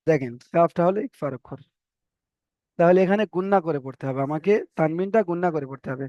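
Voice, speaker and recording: Male teacher, high clear voice, dry and slightly muffled recording, spells letters then chants them slowly. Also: mellow, no echo. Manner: spells letters and vowel marks aloud, then draws out the chanted word slowly. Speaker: Quran reading teacher. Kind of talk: spelled-out recitation lesson.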